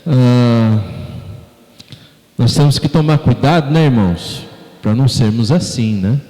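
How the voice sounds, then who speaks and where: A man's voice: medium pitch, unhurried, mellow. A man with a Brazilian Portuguese accent preaching a sermon as pastor, talking conversationally and putting questions to the congregation. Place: church sanctuary. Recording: long church-hall reverb.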